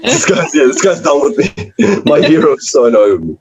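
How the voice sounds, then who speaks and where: A man's voice: on the high side, big pitch swings, brisk, a little mellow, slightly rough. A man co-hosting a casual podcast, laughing often and joking in slang. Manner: laughs a lot, jokey slang. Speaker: podcast co-host. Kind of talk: casual chat.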